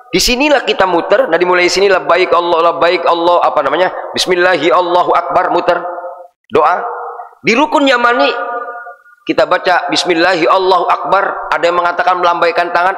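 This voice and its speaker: A middle-aged man giving a lively dawn sermon in a mosque, often calling his listeners "Pak". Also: high-pitched. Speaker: preacher. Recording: echoey mosque hall.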